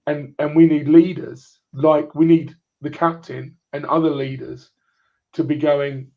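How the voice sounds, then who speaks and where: A man's voice: fairly high pitch, fairly even intonation, unhurried, vocal fry. A man in his forties on a clipped phone line, chatting about football in a rambling way and restarting his points over and over. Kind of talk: casual football chat.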